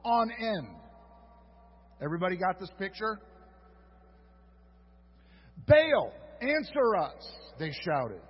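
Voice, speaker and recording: A male pastor with a high, slightly husky voice delivers a sermon and breaks it up with playful asides to the congregation. The sound is dull and lo-fi, with a long reverb tail from a large hall. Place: church sanctuary.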